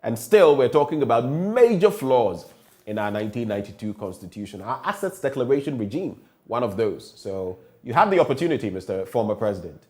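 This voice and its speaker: A man's voice: medium pitch, very animated, fairly quick, a little mellow. A man with a Ghanaian English accent hosting a morning newspaper review, reading headlines and asking pointed questions. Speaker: news review host.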